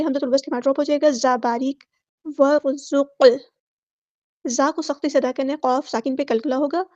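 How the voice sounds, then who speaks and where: A woman with an Urdu accent teaching Quran recitation rules word by word, explaining each rule quickly and then reciting the words slowly and loudly. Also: high-pitched, dry recording, highs cut off. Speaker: tajweed teacher.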